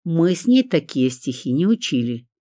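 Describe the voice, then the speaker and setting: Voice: mid-range voice, sing-song, moderate pace, warm tone, dry recording, clean studio sound, natural voice. A reader voicing a fussy, caring older woman who frets over others. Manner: fussy, anxious.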